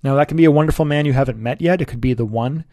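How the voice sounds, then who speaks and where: A man, a relationship coach, giving an earnest, persuasive sales pitch straight to the listener. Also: racing, mellow, no room sound, clean studio sound.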